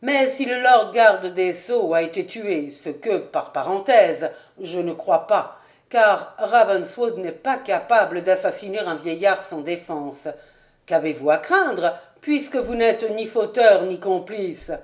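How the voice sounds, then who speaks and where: A woman's voice: medium pitch, animated, slow pace. Woman voicing a blunt, mocking male swordsman. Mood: scornful. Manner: bold and mocking.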